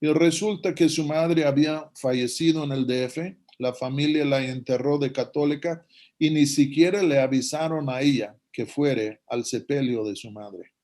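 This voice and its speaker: A man's voice: medium pitch, moderate pace, dark tone. A man preaching a sermon, retelling Bible stories and acting out their dialogue in a storytelling manner.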